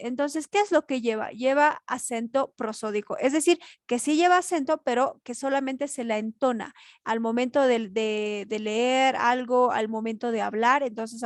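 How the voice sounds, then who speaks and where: A woman's voice: fairly high pitch, dry recording, clean studio sound. A woman teacher giving a spoken grammar lesson, explaining step by step and checking in with rhetorical questions.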